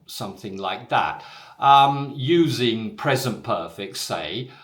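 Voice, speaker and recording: Slow-speaking male English teacher, echoey room. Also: medium pitch, lively intonation, a bit bright. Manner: slow, deliberate delivery with exaggerated rising and falling intonation on examples; frequent "uh" and "so" fillers. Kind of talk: spoken English lesson.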